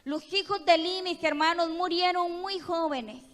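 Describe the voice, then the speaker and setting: A woman pastor with a Costa Rican accent, preaching a sermon in a church with impassioned, emphatic delivery that swells to loud peaks. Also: very high-pitched, fairly even intonation, normal speed. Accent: Costa Rican Spanish. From Costa Rica. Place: church hall. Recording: reverberant church hall with music.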